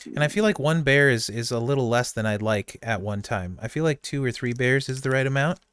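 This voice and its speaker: A man talks through a relaxed podcast chat, eagerly praising what he is tasting. His voice sits at an ordinary middle pitch. The recording is dry and close. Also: brisk, smooth, dry recording. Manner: chatty, gushes over candy while chewing. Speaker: podcast host.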